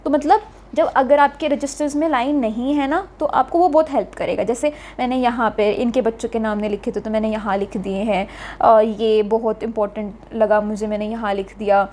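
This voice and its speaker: Woman, Indian accent, young adult, tutor, casual, chatty, fairly high-pitched. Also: fairly even intonation, brisk, a little mellow, a little hiss or hum. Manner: chatty, keeps saying "theek hai", mixes Hindi and English. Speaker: exam prep tutor. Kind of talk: casual study-advice talk.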